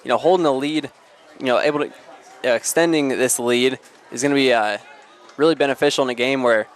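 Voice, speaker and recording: Guy doing color commentary, lots of you know and uh, crowd faint in back. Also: medium pitch. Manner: halting, filler-heavy analysis.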